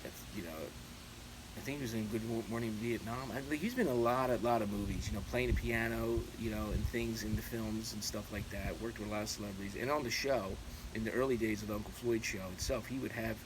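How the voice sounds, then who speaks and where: Rambling middle-aged man over noisy ambience. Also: lowish voice. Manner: halting, loosely anecdotal, repeats himself. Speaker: YouTube channel host. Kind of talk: casual rambling chat to viewers. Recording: clearly noisy, steady background ambience.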